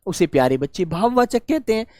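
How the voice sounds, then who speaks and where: A man teaching a grammar class for exam students, warmly coaxing and asking questions that he then answers himself. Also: high voice, sing-song, dry recording. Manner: warm coaxing, calls students "beta", asks and answers his own questions; stretches key words slowly while dictating notes.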